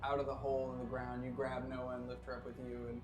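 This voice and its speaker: A man's voice: mid-range voice, completely flat delivery, fast talker, echoey room, over music. A man narrating as game master, describing scenes and calling for dice rolls. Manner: narrating, asking players for rolls.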